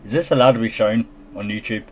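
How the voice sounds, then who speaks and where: A man's voice: fairly low pitch, fast talker, background noise. A man commenting casually on a news story, joking sarcastically and often stumbling over words as he reads aloud. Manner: giggly, sarcastic, stumbles while reading aloud.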